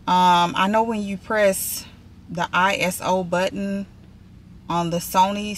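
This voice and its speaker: This woman's voice has a fairly low pitch and a slightly bright quality. She's a vlogger talking loosely to her audience from a parked car, wandering off topic and addressing them as y'all, captured by a dashboard camera.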